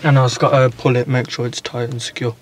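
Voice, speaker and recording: A man's voice: mid-range voice, level tone, fast. A young man answering as a learner driver in a casual lesson, with short, tentative replies. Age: young adult. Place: inside a parked car. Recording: clear car background noise.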